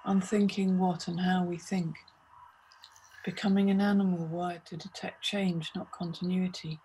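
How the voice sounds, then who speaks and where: Reading from a script, this woman leads a guided meditation, pausing between brief, carefully placed phrases. She speaks at a mid pitch with little melodic movement, and a faint, noisy ambience sits in the background.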